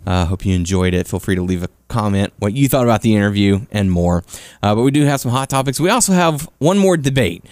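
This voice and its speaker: A man's voice: on the low side, expressive, quick pace, a little mellow, dry recording. A man hosting a casual sports talk podcast, interviewing a guest and introducing topics in conversational language. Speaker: podcast host.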